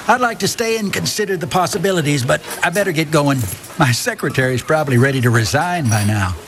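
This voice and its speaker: A man playing a plain-spoken, teasing middle-aged gentleman, folksy and easygoing, in a radio drama. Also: fairly high pitch, animated, quick pace.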